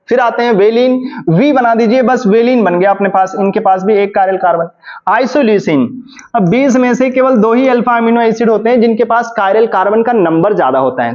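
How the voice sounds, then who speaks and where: Man, high voice, dull lo-fi sound; teacher running an exam revision lecture in Hindi-English mix, poses questions and answers them himself. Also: a little mellow. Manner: explains step by step, often asks and answers his own questions. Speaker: chemistry teacher. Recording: dull lo-fi classroom recording.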